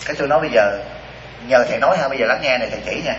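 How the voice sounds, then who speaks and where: A man giving a lively dharma talk as a monk, telling stories and asking rhetorical questions. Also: medium pitch, very fast, slight background noise. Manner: animated, acts out voices in stories, rhetorical questions. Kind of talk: sermon with storytelling. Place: retreat hall. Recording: dull roomy hall recording.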